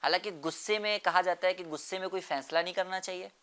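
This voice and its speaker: Smooth-voiced man teaching children. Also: high-pitched, a bit bright. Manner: earnest, repeats phrases, keeps asking "right?". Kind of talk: explaining a lesson to children.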